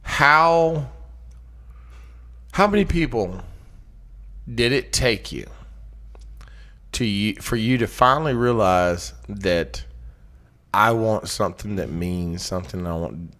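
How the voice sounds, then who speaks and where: Male podcast host, forceful bright tone, loose crude banter, getting drunk. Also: on the low side, animated, takes it slowly, long pauses. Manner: rambling, crude joking. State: drinking beer, getting drunk. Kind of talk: casual, profane podcast banter.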